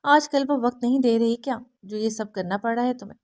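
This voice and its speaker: A woman's voice: on the high side, darkish tone, close to an everyday voice. A woman voicing a proud, jealous young woman who speaks in a sarcastic, needling way in an audiobook reading. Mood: sarcastic probing.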